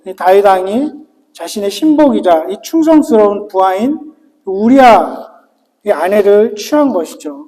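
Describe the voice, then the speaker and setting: A man's voice: sits high, dark tone. Brief: male pastor delivering an earnest sermon in a church hall with a long echo. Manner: earnest, explains with questions to the congregation.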